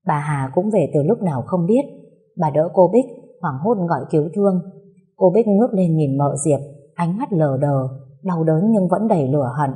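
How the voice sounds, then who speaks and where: Woman reading a story out, low and husky, steady pace. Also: moderate pace. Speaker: narrator. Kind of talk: storytelling narration.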